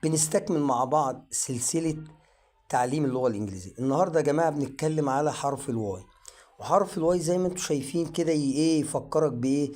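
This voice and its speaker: A man's voice: fairly high pitch, darkish tone. A man with an Egyptian Arabic accent teaching English pronunciation in an online lesson, drilling words one at a time. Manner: slow, drawn-out word-by-word drilling.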